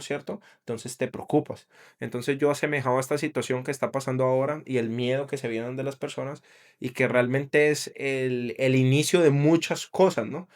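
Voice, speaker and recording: Man, middle-aged, earnest, thinks aloud, casual faith podcast chat, mid-pitched. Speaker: podcast co-host.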